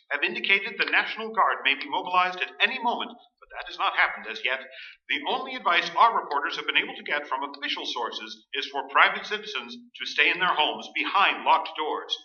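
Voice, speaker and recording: An actor with a slightly high, sharp voice portrays a serious, urgent radio newsreader delivering formal, forceful bulletins in a stage radio play. It was captured live in an echoey room, and the recording sounds dull with plenty of echo.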